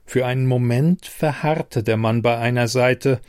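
A man's voice: medium pitch, a little slow, a little mellow, dry recording. Man reading an audiobook, dry sound. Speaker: narrator. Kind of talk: scripted audiobook narration.

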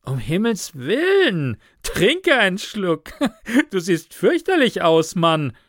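A brash young man talks in a raised, loud, bantering way, his voice pitched above the narrator's own. He is a friend who jokes one moment and worries the next, as a male narrator puts him on for a read-aloud story. The sound is close and dry. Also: big pitch swings, unhurried, no echo.

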